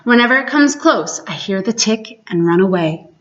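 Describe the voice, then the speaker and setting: A woman's voice: mid-range voice, lively intonation, normal speed, muffled recording, lightly acted. A woman voicing a mean, vengeful storybook pirate captain haunted by fear, with grave old-fashioned diction. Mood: brooding, fearful.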